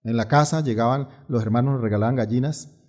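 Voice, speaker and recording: A middle-aged male pastor, preaching a sermon in a humorous storytelling manner with lively asides. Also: medium pitch, fast talker.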